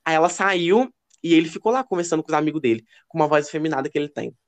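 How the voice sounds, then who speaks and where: A man co-hosting a podcast, telling gossipy stories in a casual, animated way. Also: rapid-fire. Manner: expressive, lively pitch. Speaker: podcast co-host. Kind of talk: casual chat.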